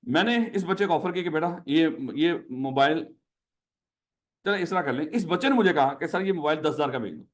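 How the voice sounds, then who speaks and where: Addressing his students as "my child," a man with a Pakistani Urdu accent and a slightly high voice teaches a class, saying every question twice over to make it stick.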